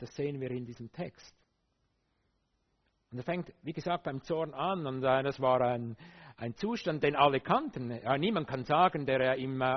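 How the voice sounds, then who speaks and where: A male preacher gives a sermon, switching between calm explanation and lively, direct appeals to his listeners. His voice is a little husky, with many fillers along the way. The recording is slightly dull and lo-fi. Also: medium pitch.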